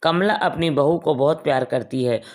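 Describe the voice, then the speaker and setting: Guy narrating a moral story, kinda high voice, does all the people himself. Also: moderate pace. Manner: reads all characters in one voice with small shifts.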